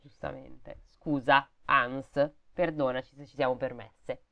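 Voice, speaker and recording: A woman's voice: extremely low pitch, fairly even intonation, slow pace, vocal fry, dull audio. A woman reading a fairy tale aloud, breaking off with sarcastic, swearing comments. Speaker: storybook reader.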